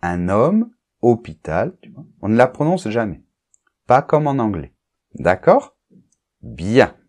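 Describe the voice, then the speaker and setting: A man's voice: on the low side, sing-song, slow, darkish tone. A man teaching pronunciation in a recorded lesson, explaining patiently and modeling example phrases with exaggerated rises and falls, often checking in with the listener. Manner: checks understanding with frequent "d'accord?". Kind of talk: recorded lesson addressing the learner.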